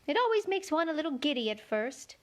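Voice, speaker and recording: A flustered, helpless storybook queen, all pins and worry , played by a woman reading aloud. She speaks in a high, plaintive flutter that climbs toward a squeak when she gets excited. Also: a little fast. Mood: fussy.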